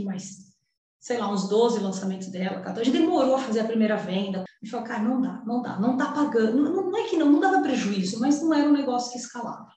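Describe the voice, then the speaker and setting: A woman's voice: fairly high pitch, darkish tone, recorded from a distance. A woman with a Brazilian Portuguese accent, an entrepreneur guest telling her story in a chatty, emotional way with lots of slang fillers. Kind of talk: casual storytelling. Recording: very echoey room, voice off-mic.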